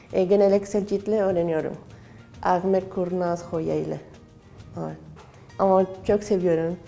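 A woman with a foreign accent speaks broken learner's Turkish in a personal interview, halting as she searches for words. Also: mid-range voice, creaky, dark tone. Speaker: artist and craft student.

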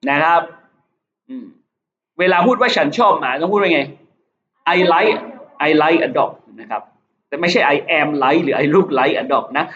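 A male teacher going over exam questions, reading English sentences slowly and explaining them. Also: fairly high pitch, expressive, a bit bright, a little hiss or hum. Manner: reads English items slowly, explains in quick Thai. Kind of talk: exam prep lesson. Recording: dull lo-fi recording.

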